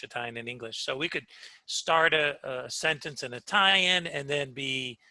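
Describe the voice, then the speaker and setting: Middle-aged male guest, very bright and crisp voice, dry close sound, rambling and friendly. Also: on the high side, dry recording. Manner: warm, rambling, with frequent fillers and affirmations. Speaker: podcast guest. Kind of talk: casual reminiscing chat.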